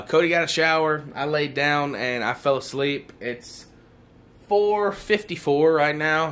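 A man's voice: on the high side, fairly bright tone. A young man, chatting casually to camera in a travel vlog, upbeat and full of fillers. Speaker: vlogger.

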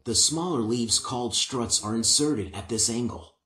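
An older man explains each step of assembling a wooden piece in a calm, methodical way. His voice sits in a middle register and carries a noticeable room echo from the workshop around him. He speaks on a lapel mic. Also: mid-range voice, moderate pace. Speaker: woodworking instructor. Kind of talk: step-by-step craft instruction. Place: indoor woodworking workshop.

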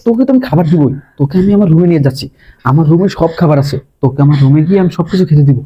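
A man playing a fast-talking, coaxing schemer. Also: on the high side, muffled recording, natural voice. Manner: coaxing, insistent and hushed. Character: scheming young man luring a madwoman.

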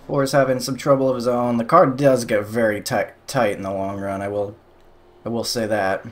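A man's voice: medium pitch, flat delivery, normal speed. A young man giving casual, sarcastic commentary over a sim racing replay, exasperated at the calls.

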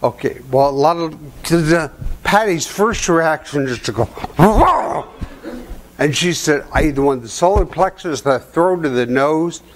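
A man's voice: fairly high pitch, lively intonation, a little slow, a little hiss or hum. An older man giving a seminar talk in a hotel conference room, with a folksy storytelling manner, chuckling at his own stories. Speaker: seminar presenter.

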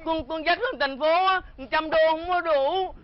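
Comedy skit: woman voicing a stammering, sheepish young peddler, high and muffled. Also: moderate pace. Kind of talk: stage comedy sketch.

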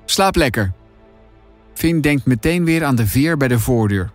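A man narrating a children's adventure audiobook in an expressive storytelling manner. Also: medium pitch, moderate pace, faint music behind. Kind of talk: scripted narration.

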